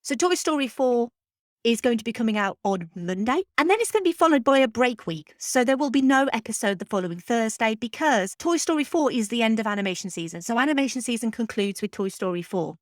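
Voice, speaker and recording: Woman, podcast host, casual upbeat chat, slightly high voice, close mic, dry sound. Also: expressive, brisk, no room sound. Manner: chatty, upbeat, laughs easily.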